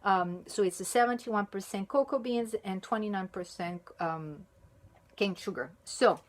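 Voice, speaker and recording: A woman from France with a French accent, a native French speaker, chatting casually as she reviews chocolate on video, thinking aloud with plenty of fillers and breaking into excited exclamations. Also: medium pitch, measured pace.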